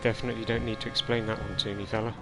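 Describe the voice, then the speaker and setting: Over loud music and noisy game audio, a man with a lowish, flat voice talks rapid-fire while streaming his own online racing game. His live commentary is casual, chatty and self-deprecating, and he mutters to himself as he drives.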